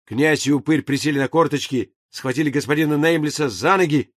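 A man narrating an audiobook in a measured, even storytelling manner. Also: a little high, no echo. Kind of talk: scripted narration. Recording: dry booth recording.

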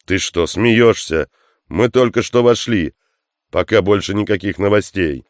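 A man's voice: on the low side, measured pace, no room sound, studio quality, pitched above the performer's own voice, close to an everyday voice. A man voicing Hook, a wry tough squad leader. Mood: joking, sarcastic. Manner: sarcastic, joking under fire. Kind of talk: audiobook character voice.

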